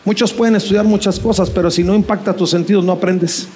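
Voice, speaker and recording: A man's voice: sits high, fairly even intonation, quick pace, a little mellow. A man preaching a sermon with passion, asking rhetorical questions and repeating key phrases. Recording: faint music behind.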